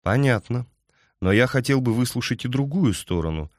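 A man voicing a calm young king who speaks quietly and soothingly, in an audiobook. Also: medium pitch, normal speed, dry recording, studio quality, voice pushed up, lightly acted.

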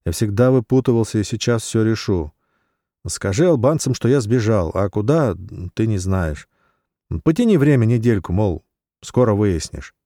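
A man voicing a calm, firm husband who speaks softly but steadily. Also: lowish voice, normal speed, dry recording, studio quality, close to an everyday voice. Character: calm, weary man in debt, middle-aged.

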